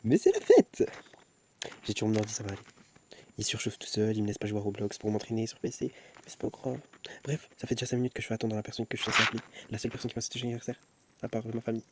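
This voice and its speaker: Talking very fast in a monotone, a young man films himself on his phone at home at night for a casual vlog. His voice is on the low side but fairly bright, there's slight background noise, and he rambles, self-mocks and keeps restarting and repeating.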